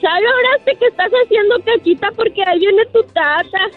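A woman's voice: extremely high pitch, a little fast, phone-quality sound, faint music behind. A woman calling in to tell a joke in a casual storytelling way. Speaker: caller. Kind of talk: telling a joke on the radio.

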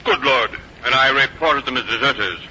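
A shrewd British general, courtly and composed. His very bright, forceful voice is formal and clipped, heard in 1950s radio drama with a dulled sound and faint noise. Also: medium pitch, a little fast. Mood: indignant. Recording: muffled old radio broadcast, faint noise.

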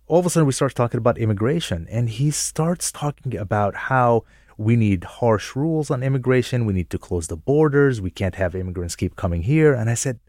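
A man from Jordan telling personal stories in a relaxed radio conversation, thoughtful and quick to laugh. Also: mid-range voice, dry recording, clean studio sound. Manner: thoughtful, self-reflective, laughs easily.

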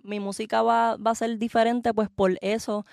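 A woman's voice: a little high, flat delivery, normal speed, gravelly, a little mellow, dry recording, clean studio sound. A young woman from Puerto Rico with a Puerto Rican accent, a singer talking in a casual interview, hesitant and repeating her words. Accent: Puerto Rican Spanish. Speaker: singer guest.

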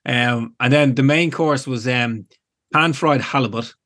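A man's voice: medium pitch, unhurried, fairly bright tone. A man in his forties with an Irish accent, a guest chatting casually in a rambling way, full of fillers. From Ireland. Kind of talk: casual chat.

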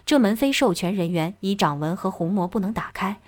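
A woman narrating a novel as an audiobook, telling the story in a steady way. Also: mid-range voice, fairly quick, no room sound.

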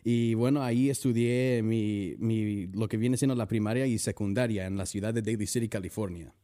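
Relaxed young man with a mellow voice. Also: on the low side, moderate pace. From San Francisco Bay Area, USA. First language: Spanish. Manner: relaxed, with many fillers and restarts. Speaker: guest. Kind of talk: casual interview chat. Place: at home.

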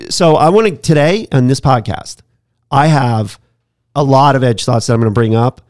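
A man's voice: mid-range voice, moderate pace, a little mellow, no room sound. Man, podcast host, casual storytelling, laughs often, restarts, dry sound. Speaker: podcast host, former teacher.

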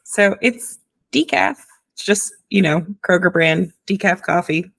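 A woman's voice: fairly low pitch, expressive, a little slow, gravelly, a bit bright, dry recording. A woman co-hosting a podcast in casual chat, congested from a summer cold, chatty and teasing. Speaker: podcast co-host. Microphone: remote call.

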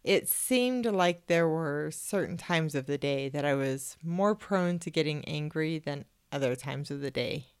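A woman's voice: sits low, animated, a little slow, hardly any pauses, clear, resonant tone, dry recording, studio quality. A woman hosting a podcast, telling a personal story in a casual, chatty way. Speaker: podcast host. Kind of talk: casual conversation.

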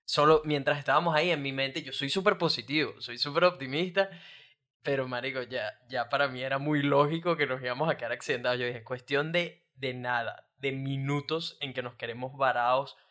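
Man, Venezuelan accent, podcast host, casual slangy chat, middle pitch. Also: a little fast. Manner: relaxed slangy banter, frequent filler "marico".

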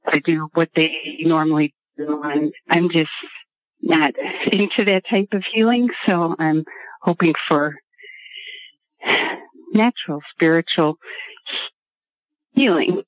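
Woman calling in to a radio show on speakerphone, hesitant and soft-spoken, dull dry line. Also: low voice, takes it slowly, long pauses, no echo. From Washington state, USA. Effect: call-in voice over a speakerphone line.

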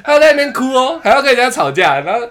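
A man's voice: very high-pitched, big pitch swings, fast, crowd noise. A man, teasing and laughing in casual chat as a podcast co-host. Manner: teasing, laughing, many short backchannels.

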